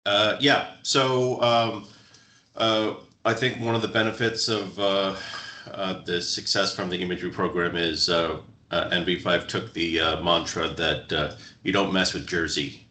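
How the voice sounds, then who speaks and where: A man presents on a video call, hesitating often and leaning on fillers. His voice is low but bright and forward. The room around him sounds roomy and echoey. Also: flat delivery, measured pace. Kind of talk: webinar presentation.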